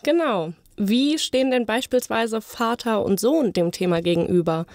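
A young woman co-hosting a student podcast, presenting in a clear, scripted way. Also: on the high side, moderate pace, darkish tone, no echo, studio quality. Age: young adult. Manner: clear, read-from-script delivery. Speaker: podcast co-host, journalism student.

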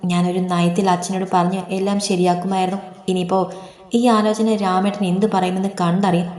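A woman's voice: on the low side, level tone, a little fast, a little mellow, lightly acted. A woman voicing a worried middle-aged mother who reproaches her daughter, in a story reading. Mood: reproachful. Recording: echoey reverberant room.

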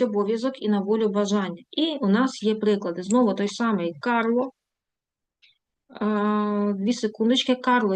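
A woman's voice: mid-range voice, a little mellow, no room sound. Woman teaching verb forms, dry close sound. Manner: reads examples and conjugations aloud, switching between Ukrainian and Italian; thinking aloud with fillers while scrolling through material. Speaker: Italian teacher. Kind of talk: online language lesson.

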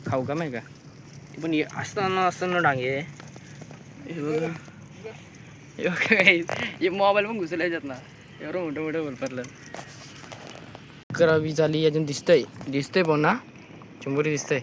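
A man's voice: on the high side, normal speed, pauses often, fairly bright tone, slight background noise. Chatty vlogger man checking crab nets outdoors. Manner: chatty, keeps pointing things out to viewers. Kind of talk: casual outdoor crab-catching vlog.

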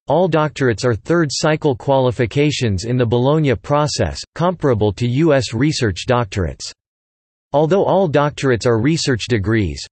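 A man with a slightly husky voice reading scripted reference text aloud in a measured way, carefully spelling out abbreviations. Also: medium pitch, a little mellow, no room sound. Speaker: narrator of an audio encyclopedia article.

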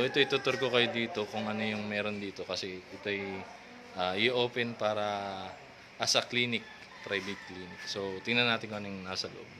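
A man in his thirties chatting casually through a walking tour of a small building, with many fillers and pauses, filmed on a handheld phone. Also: medium pitch, noisy background. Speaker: vlogger giving a tour. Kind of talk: casual vlog tour narration. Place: small empty building, indoors and street. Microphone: phone camera held at arm's length.

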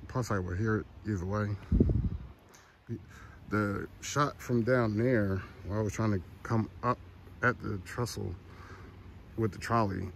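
A podcast host and photographer with a fairly low pitch talks in a loose, slangy, joking vlog manner. The clip was made outdoors near trolley tracks on a trestle using a phone held at arm's length, resulting in noisy audio with clear ambient background.

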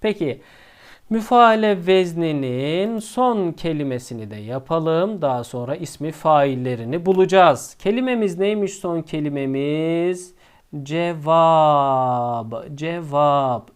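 A male teacher explaining a lesson step by step, asking himself questions and answering them, and drawing out the key words slowly. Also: a little high, darkish tone, clean tone.

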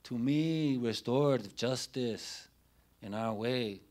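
In an indoor forum room before a banner, a middle-aged panelist at a community forum tells personal stories in unscripted public speech. His medium-pitched voice is a little mellow, coming in short, halting, deliberate phrases broken by pauses. He speaks into a handheld microphone held near his mouth.

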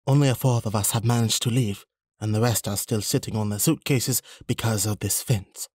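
A performer voicing a touchy, proud Mexico countryball in a cartoon, indignant and defensive, with a husky voice. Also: mid-range voice, steady tone, moderate pace, darkish tone, no echo, clean studio sound, lightly acted. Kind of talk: cartoon voice acting.

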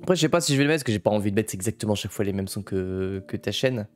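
A man's voice: on the low side, very fast, soft background music. A man chatting casually on a live stream, greeting viewers one by one. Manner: greets chat by name, chatty and lively.

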